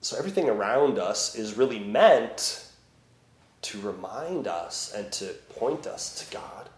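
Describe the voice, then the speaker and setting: A priest at Mass, reading the Gospel and preaching in a slow, deliberate way with emphatic swells, his voice ringing with church echo. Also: on the low side, animated. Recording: echoey church room.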